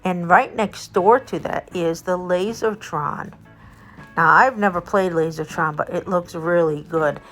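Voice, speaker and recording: A woman's voice: on the low side, a little slow, a bit bright. A woman narrating a casual vlog tour as host, in a chatty, enthusiastic way. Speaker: video host and local tour guide. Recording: background music under the voice. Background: music.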